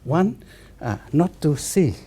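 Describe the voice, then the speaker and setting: His pitch fairly high with a breathy edge, a fifties-aged Buddhist monk joins a relaxed discussion, his non-native English halting and repetitive with many restarts.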